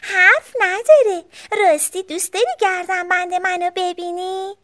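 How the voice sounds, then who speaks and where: A woman voicing a young girl bear cub, proud and quick to defend herself, in a storybook. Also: steady tone, a bit bright. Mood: cheerful. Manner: high squeaky girlish voice.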